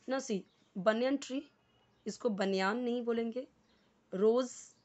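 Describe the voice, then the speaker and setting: An Indian woman teaching a beginner's English lesson, mixing Hindi and English, reading English slowly and explaining each word. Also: medium pitch, a little mellow. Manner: slow, deliberate when reading English, quicker in Hindi explanations; explains word by word, repeating for learners.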